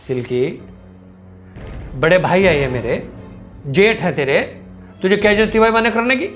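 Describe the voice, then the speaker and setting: A man plays a young husband in a family comedy skit who talks in a fairly high voice. He scolds and lectures insistently, standing loyally by his elder brother. Soft music plays faintly underneath. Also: animated, normal speed. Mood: scolding. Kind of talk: scripted family comedy scene.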